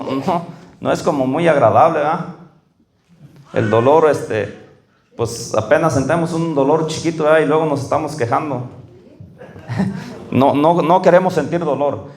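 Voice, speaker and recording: A man giving a conversational sermon, often checking in with the congregation and slowing down to read scripture aloud. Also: a little mellow, reverberant. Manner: slows down and rises in pitch when reading scripture. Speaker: preacher. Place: church hall.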